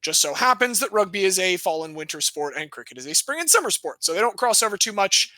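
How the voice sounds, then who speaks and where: Playful bright-voiced male podcast host. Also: high voice, fast, no room sound, rough recording. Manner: playful, animated storyteller with jokey asides. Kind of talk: casual sports history storytelling.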